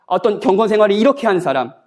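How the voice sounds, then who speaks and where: A man's voice: high voice, big pitch swings, racing. A man, a guest pastor, preaching a sermon at a church Bible conference in a conversational way, often asking the congregation questions. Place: church sanctuary.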